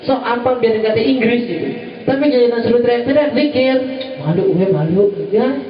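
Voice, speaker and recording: A man's voice: extremely high pitch, normal speed. A man giving a sermon at a religious gathering, teasing in casual slang and mimicking voices. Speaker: preacher. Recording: distant, roomy, dull lo-fi recording.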